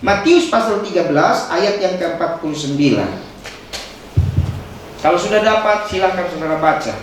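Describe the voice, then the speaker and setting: A male pastor preaching a sermon, emphatic, with sudden high dramatic outbursts and quick asides. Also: lively intonation. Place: church hall. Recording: echoey hall, distant mic, faint noise.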